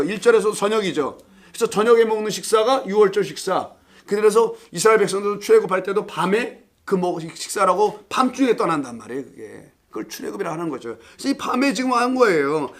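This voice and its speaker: Teaching a Bible study class in a church classroom, a pastor jokes around, laughs a lot, and tests his listeners with questions. His voice sits high and is a bit bright.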